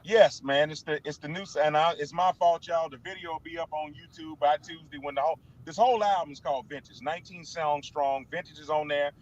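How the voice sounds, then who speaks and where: A man, an animated guest telling stories in casual chat, stammering and restarting, from a parked car. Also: on the high side, a little fast, few pauses. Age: 50s. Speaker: musician guest. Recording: dull lo-fi sound.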